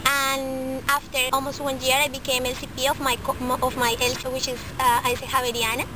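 A woman in her twenties from Colombia speaks to the camera in an unscripted self-introduction, pausing and restarting now and then. Her voice sits high, and a steady outdoor noise runs behind her. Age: 20s. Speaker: board member introducing herself.

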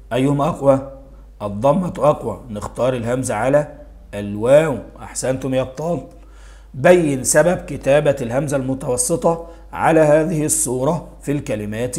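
An Egyptian man teaches a primary school grammar lesson in an ordinary mid-pitched voice. He keeps asking rhetorical questions and answering them himself. He says key words twice for emphasis. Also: darkish tone. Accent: Egyptian Arabic.

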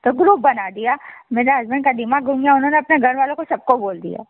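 A woman's voice: high voice, quick pace. A distressed woman calling for help on the phone and pouring out her troubles. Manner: distressed, pleading, talks over others. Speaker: caller. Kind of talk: phone call. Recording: tinny dry phone line.

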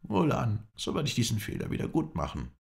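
A man's voice: medium pitch, huge pitch swings, a little fast, vocal fry, pitched above the performer's own voice. A man doing an old, rash Bedouin sheik. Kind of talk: audiobook character voice.

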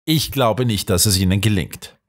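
A man playing a calm, amused doctor. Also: lowish voice, moderate pace, close to an everyday voice. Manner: calm, mildly mocking. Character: calm amused male doctor, detective's friend.

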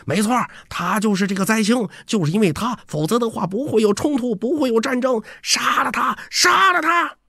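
A man voicing an angry mob of rough male prisoners, shouting in raised, strained voices. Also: very high voice, normal speed, few pauses, dry recording, clean studio sound, pitched above the performer's own voice, full character voice. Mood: furious.

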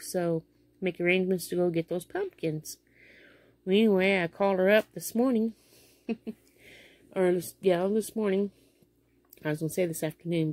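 A Midwestern American woman in her fifties vlogs from a small bedroom, holding her phone camera close below her face as she tells a rambling everyday story full of fillers and restarts. Her voice is lowish, gravelly and a little mellow, with no room sound.

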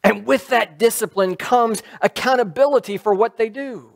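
A man's voice: very high voice, normal speed, creaky. A middle-aged man preaching a sermon from a lectern in a church sanctuary, in a conversational way that puts questions to the congregation. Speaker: pastor.

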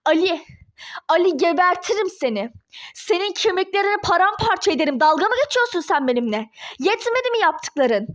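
A woman voicing a furious young ex-wife in a toy-game role-play drama, shouting threats and cursing. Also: extremely high pitch, lively intonation, a little fast.

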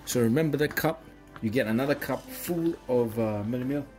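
Talking a little fast in a mid-range, slightly mellow voice, a Zambian-accented man in his thirties runs a cooking channel demo from a small home kitchen. He's chatty and encouraging, sprinkling in fillers and "mm?" tags, with music clearly audible behind him.

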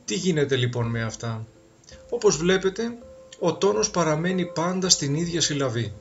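A man teaching a grammar lesson, explaining rules clearly and deliberately and listing word forms one by one. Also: on the high side, lively intonation, lo-fi sound, faint music behind.

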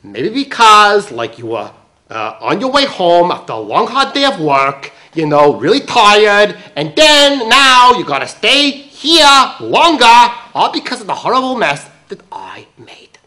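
A man's voice: high voice, big pitch swings, unhurried, pushed and bright, heavily acted. An actor playing a pushy, prying man in an audio drama, wheedling and dragging out his words. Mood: needling. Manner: wheedling, probing, drags out words. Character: pushy, needling man who slipped on a floor.

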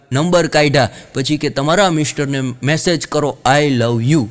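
A man telling jokes in a live stand-up show on a stage mic, lively and animated. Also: medium pitch. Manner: lively storytelling, acting out quoted voices. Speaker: stand-up comedian.

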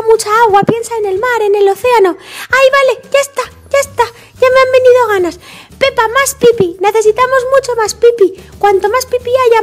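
A woman voicing an eager, chatty young male rescue puppy in a toy play story, rambling and encouraging. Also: extremely high pitch. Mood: coaxing.

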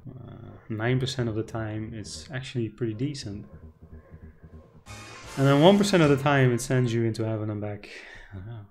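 A man's voice: mid-range voice, normal speed, vocal fry, a little mellow, faint music behind. A man streaming slot games, chatting casually and greeting viewers by name as he spins. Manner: chatty, reads out viewer names, cheers at the slot. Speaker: casino streamer. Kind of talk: casual live-stream chat.

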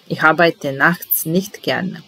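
Woman teaching phrases real slow, low-ish voice, careful and patient. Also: creaky, a bit bright, poor audio. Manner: patient, measured, enunciating each phrase slowly. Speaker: language teacher. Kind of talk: slow bilingual lesson, repeating phrases.

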